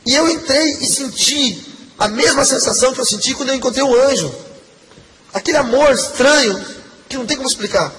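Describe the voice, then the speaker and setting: A man's voice: very high voice, lively intonation, brisk, fairly bright tone. Guy preaching his testimony, earnest and emotional, echoey hall. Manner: earnest, emotional storytelling, addresses the congregation. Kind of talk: testimony sermon. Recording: long hall reverb, faint background noise.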